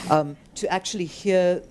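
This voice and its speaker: A woman author talking at a live bookshop event, chatty and self-mocking with animated asides. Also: on the low side, takes it slowly, a little hiss or hum. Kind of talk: live book discussion.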